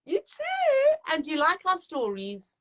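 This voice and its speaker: In a very high voice whose pitch swoops wildly, a woman speaks slowly while hosting a live story time. She gushes at young children in an encouraging, sing-song way, reading aloud and chatting with them.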